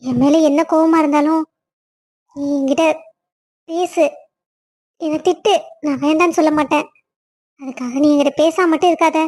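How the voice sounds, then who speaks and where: A woman's voice: high voice, fairly even intonation, normal speed, pauses often, a little mellow, close to an everyday voice. Woman voicing a tearful elder sister in a cartoon. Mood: sorrowful. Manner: tearful, pleading. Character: sorrowful elder sister, longing for her brother.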